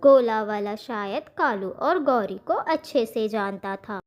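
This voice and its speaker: A woman narrating a children's cartoon story in a plain, measured way. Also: on the high side, animated.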